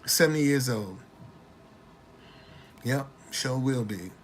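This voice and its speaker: A man in his late sixties talking casually to the camera with slangy street swagger, repeating himself in animated, indignant retorts. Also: medium pitch, takes it slowly, slight background noise. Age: 60s.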